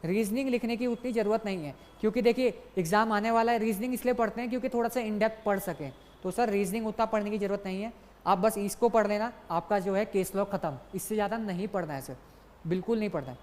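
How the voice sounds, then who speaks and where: A young adult male exam tutor with a high voice lectures briskly and coaxingly, repeatedly addressing his students as "sir." He drives key points home by repeating them. A long, lingering reverb on his voice suggests a large hall.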